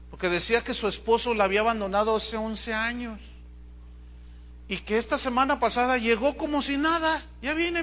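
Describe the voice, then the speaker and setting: Bright-voiced Mexican pastor preaching. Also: male voice, sits high. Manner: animated, acts out quoted voices with humor. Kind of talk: sermon.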